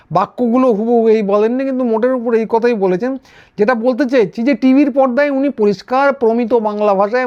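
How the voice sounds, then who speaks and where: A man giving a sarcastic political commentary, pausing and restarting often. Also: extremely high pitch, darkish tone. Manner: wry, sarcastic, with frequent hesitations and restarts. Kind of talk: casual political commentary monologue. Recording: dull, lo-fi recording.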